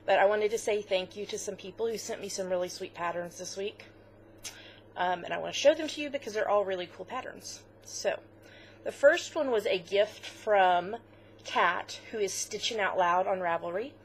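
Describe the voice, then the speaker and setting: A woman's voice: medium pitch, slight background noise. A woman co-hosting a knitting podcast in a casual, chatty way, with lots of fillers. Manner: chatty, with fillers, close to tears at times. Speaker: podcast co-host. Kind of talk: casual chat.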